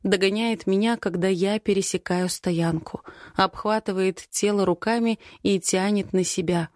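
A woman narrating a first-person story as an expressive, dramatic audiobook reading. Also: medium pitch, moderate pace, dry recording, clean studio sound.

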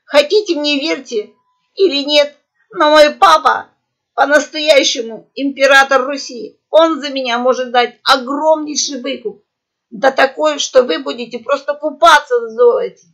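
A woman doing a shrill hysterical eagle girl. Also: measured pace, fairly bright tone. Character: hysterical young eagle girl, self-styled princess. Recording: dull lo-fi audio.

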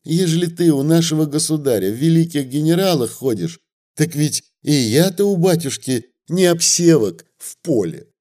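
A man voicing a fawning, terrified old male merchant who pleads in a sugary voice and breaks into shrill wailing. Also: lively intonation, normal speed, dark tone, lightly acted. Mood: pleading.

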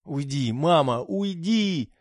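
A man doing a pleading young woman, high and weak. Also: animated, brisk, a little mellow, no room sound, clean studio sound, natural voice. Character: frightened, desperate young mother pleading. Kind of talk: audiobook character voice.

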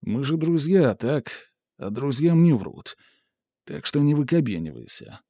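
A man's voice: medium pitch, very animated, a little slow, creaky, no room sound, clean studio sound, voice pushed up, heavily acted. Man doing a menacing burly stoker. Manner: mockingly gentle, menacing, folksy slang. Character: burly menacing male stoker, calm threat.

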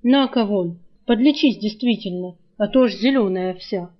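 A woman's voice: mid-range voice, moderate pace, lightly acted. A woman voicing a good-natured young male thief in an audiobook, with a grumbling, down-to-earth way of speaking. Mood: easygoing. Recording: dull lo-fi recording.

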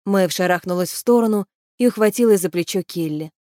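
A woman narrating an audiobook in an even, measured storytelling voice. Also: fairly low pitch, no room sound, clean studio sound. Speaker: audiobook reader.

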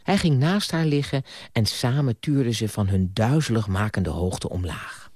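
A man narrates an audiobook with expressive storytelling, his mid-range voice moving at a moderate pace. The recording is studio quality with no room sound.

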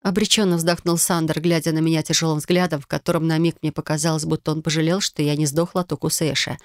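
A woman narrating a first-person audiobook with a lively, ironic storytelling manner. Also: low-pitched, quick pace, dry recording, clean studio sound.

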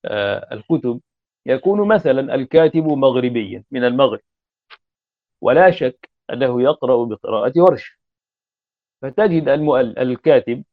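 A man teaching Arabic grammar, commenting on a text and reciting quotations slowly. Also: mid-range voice, dry recording. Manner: explains slowly, reciting quotations drawn out, clears throat often. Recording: tinny phone-like line.

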